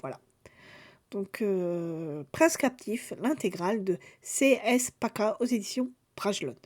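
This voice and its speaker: A woman's voice: medium pitch, animated, measured pace, a little mellow. A woman chatting casually through a book haul, summarizing plots with fillers and restarts. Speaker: book vlogger.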